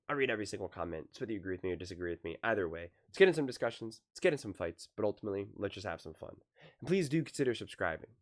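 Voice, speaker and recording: A man giving his opinions on football in a solo vlog, excitable and rambling, often repeating himself and restarting his sentences. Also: low-pitched. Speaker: sports commentary YouTuber.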